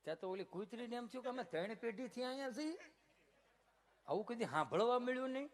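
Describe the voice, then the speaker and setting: A man's voice: very high voice, expressive. A man with a Kathiawadi Gujarati accent telling folk stand-up comedy stories in a chatty way, often slipping into voices. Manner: chatty, storytelling, quick to slip into voices.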